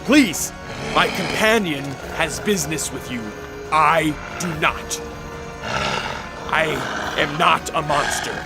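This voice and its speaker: A man's voice: fairly high pitch, slow, over music. An actor playing a solemn, wary vampire count in a radio drama, earnest and formal in his wording. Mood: pleading, earnest. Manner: formal, stiff wording, dry grumbling.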